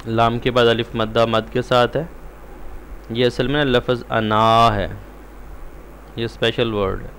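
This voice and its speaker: A man teaching a Quran recitation lesson. He explains the rules quickly and recites the words slowly, drawing them out. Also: mid-range voice, level tone, fairly bright tone, slight background noise. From Pakistan.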